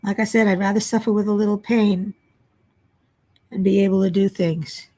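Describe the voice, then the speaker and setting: An older woman hosts a casual livestream from her home workspace, chatting with viewers and reading their chat names and comments aloud in a chatty, self-deprecating way. Her mellow voice stays steady at a normal speed, though a frog in her throat sometimes makes it a little low and raspy.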